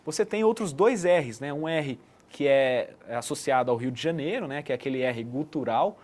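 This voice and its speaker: A man's voice: mid-range voice, expressive, normal speed, darkish tone. A man giving an explanatory online lesson as a teacher, checking in with the listener often. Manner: didactic, frequent "né" tag questions.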